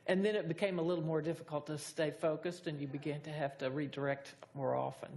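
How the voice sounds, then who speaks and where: Female meditation instructor, low register, guiding a group debrief with reflective, tentative wording. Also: steady tone, fast talker, darkish tone. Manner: hesitant, reflective, echoes back what participants say. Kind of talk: informal group class discussion.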